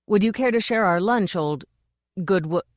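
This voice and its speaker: A woman's voice: medium pitch, animated, normal speed, dry recording, clean studio sound, natural voice. A woman doing a jittery, eager young man. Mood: anxious. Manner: anxious, ingratiating.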